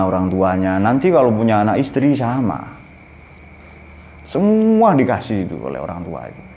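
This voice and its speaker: A man's voice: mid-range voice, a little mellow. A man in his forties giving a casual, joking religious lecture at a boarding school, with many fillers. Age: 40s.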